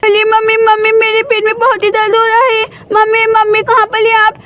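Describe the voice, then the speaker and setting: A woman voicing a hurried, nagging teenage girl in a doll story. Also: very high-pitched, completely flat delivery, fairly bright tone. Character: hurried teenage girl, bossy with her sister.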